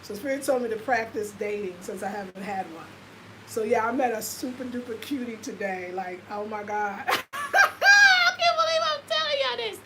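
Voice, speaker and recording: Heavy background noise surrounds this American lifestyle vlogger in her fifties as she talks casually and confidingly to livestream viewers. Her slightly high voice is sing-song at a moderate pace, and fillers run throughout.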